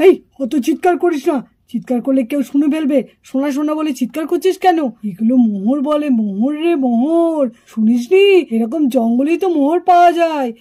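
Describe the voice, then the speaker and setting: A woman voicing excitable, bossy village boys who find gold in a puppet cartoon. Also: sits high.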